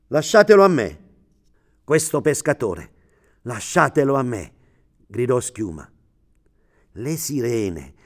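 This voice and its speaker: A man narrating a fairy tale in a slow, deliberate storytelling manner. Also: a little high, darkish tone.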